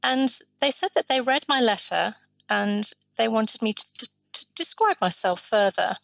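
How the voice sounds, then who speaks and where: A woman voicing a guest's life story in an interview, in measured, drawn-out phrases. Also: a little high, lively intonation, gravelly, fairly bright tone, no room sound.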